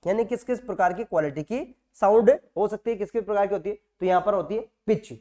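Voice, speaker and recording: A man teaches nursing exam material like a classroom lecture, repeating key words and posing questions he then answers himself. His voice is high-pitched, a little mellow, and quick.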